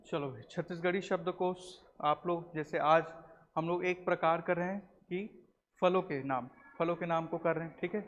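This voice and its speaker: A man's voice: a little high, steady tone, normal speed. A man, teaching a classroom lecture, quizzing students and repeating their answers. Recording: roomy classroom recording, dull and slightly noisy.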